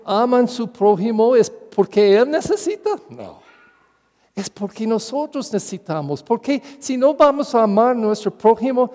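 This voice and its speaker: A parish priest giving a Sunday homily in Spanish as a second language, with an English accent, halting and putting questions to the congregation. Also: male voice, high voice, dark tone, long reverb tail. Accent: English-speaking. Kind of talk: sermon.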